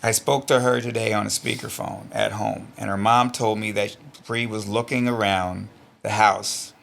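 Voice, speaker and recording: Gravelly low-voiced man, blunt and emotional. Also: fairly even intonation, normal speed, a bit bright. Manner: blunt, earnest, swears freely; emotional, close to tears. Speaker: interview guest, stunt performer. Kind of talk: reading old journal, then reflective interview talk.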